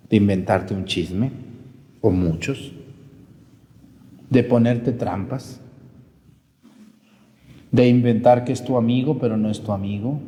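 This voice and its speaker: Priest preaching in a reverberant church. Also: male voice, on the high side, dark tone. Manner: conversational preaching with rhetorical questions. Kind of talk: homily.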